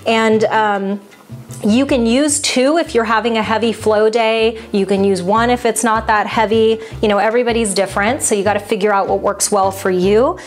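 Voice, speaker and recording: A woman coach talking casually to camera, sharing personal care tips in a relaxed, chatty way with frequent fillers. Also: a little high, normal speed, soft background music. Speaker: wellness coach and vlogger. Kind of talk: casual product tutorial to camera.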